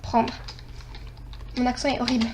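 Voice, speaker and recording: A woman hosting a gaming channel, chatting casually through her gameplay, excitable and rambling, often correcting herself. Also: high voice, normal speed, background noise.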